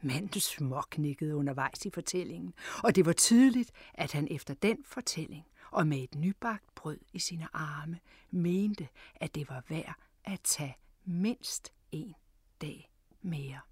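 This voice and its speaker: A woman's voice: sits low, lively intonation, darkish tone, husky, no echo, studio quality. A woman storyteller and radio host, telling a story with dramatic shifts between a full voice and a whisper.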